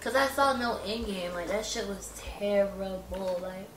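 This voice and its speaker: A woman in her late twenties co-hosting a casual podcast chat, blunt and quick to laugh, swearing freely. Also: medium pitch, far from the mic, over music. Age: 20s. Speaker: podcast co-host. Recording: roomy echo, a bit off-mic.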